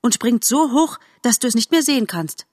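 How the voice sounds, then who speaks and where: Woman reader as a shy, admiring young male fawn, high and bright, lively lines. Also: moderate pace, no room sound, clean studio sound. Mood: excited. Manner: eager, modest and bright.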